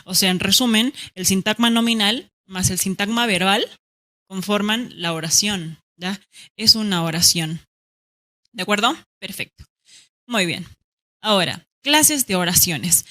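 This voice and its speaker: A woman teaching a grammar lesson online, lively and acting out example sentences, checking in with "¿ya?". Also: mid-range voice.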